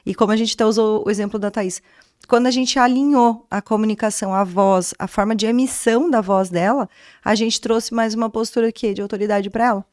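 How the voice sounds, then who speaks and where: A woman's voice: a little high, steady tone, brisk, a little mellow, no echo, studio quality. A woman, a speech therapist from Brazil, explaining as a guest in an interview and often asking questions she then answers herself. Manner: didactic, asks and answers her own questions. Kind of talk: conversational interview.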